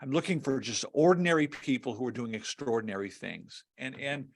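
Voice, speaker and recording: A man giving a webinar presentation over a video call, earnest, often repeating words and filling pauses. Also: mid-range voice, lively intonation.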